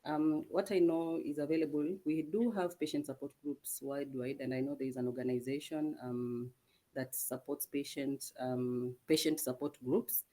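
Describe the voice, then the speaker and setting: Soft-spoken, hesitant woman dermatologist. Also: low voice, fairly even intonation. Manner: measured, many hesitant ums, soft-spoken. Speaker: dermatologist guest. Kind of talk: answering questions in a webinar panel. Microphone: video call.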